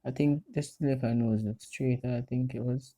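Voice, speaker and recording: Very dark, mellow Jamaican man. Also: medium pitch, steady tone, normal speed, low-quality recording. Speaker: friend doing a makeup voice-over. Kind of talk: casual step-by-step commentary.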